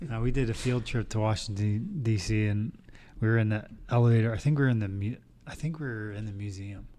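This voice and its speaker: A man on a casual podcast telling a lively anecdote, laughing as he goes. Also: on the low side, brisk, slight background noise. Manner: animated, laughing storyteller. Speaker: podcast co-host.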